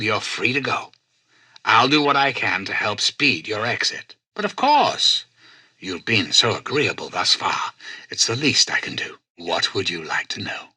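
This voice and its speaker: A male computer president for a video game, polite yet commanding and quietly manipulative. The voice is very bright and forceful with some huskiness, swinging widely in pitch. The delivery is measured, formal and persuasive, with a faint note of condescension. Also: breathy edge, no echo, full character voice. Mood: courteous, satisfied. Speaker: voice actor. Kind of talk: video game character dialogue.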